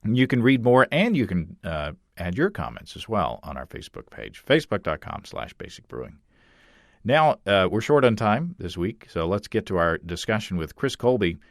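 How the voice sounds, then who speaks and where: A male podcast host with a low voice that rises and falls a lot as he talks. He reads out listener notes in a relaxed, chatty way, and the sound is dry and close. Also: moderate pace, no echo. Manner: chatty and easygoing. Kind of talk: casual podcast hosting, reading listener notes.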